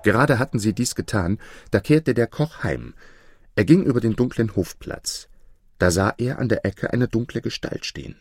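A man calmly reading an old tale aloud as narrator, in a measured storytelling manner. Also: on the low side, faint music behind.

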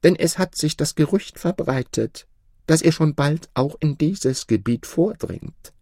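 A reader doing a sly, pleading old carpenter. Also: male voice, on the high side, lively intonation, a little slow, warm tone, no echo, studio quality, pitched below the performer's own voice. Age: older. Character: crafty, humble old male carpenter. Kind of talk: storybook reading with voices.

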